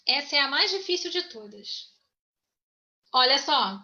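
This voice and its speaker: A woman teaches a grammar lesson in a high, bright voice, taking her time over each point. She keeps repeating herself and checking that her students follow along. The recording sounds dull and lo-fi. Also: animated, a little slow.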